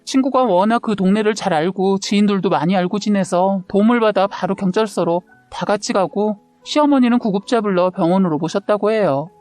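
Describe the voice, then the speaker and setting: A woman narrating a true personal story as a read-aloud tale, in a steady confessional manner. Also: medium pitch, dry recording.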